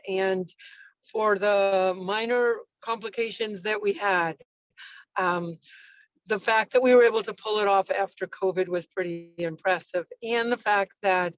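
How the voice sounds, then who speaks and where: A woman's voice: mid-range voice, no room sound. A parade volunteer, a woman, talking over a car speakerphone while driving during a meeting call. She is chatty and enthusiastic. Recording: muffled dry car speakerphone audio.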